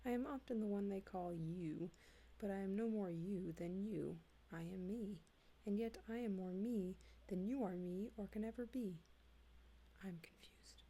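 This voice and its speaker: A woman reading humorous texts aloud in a soft, hushed ASMR style, slipping in and out of whispers, close to a desktop mic at home. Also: medium pitch, moderate pace, husky. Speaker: ASMR reader. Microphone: close desktop USB mic.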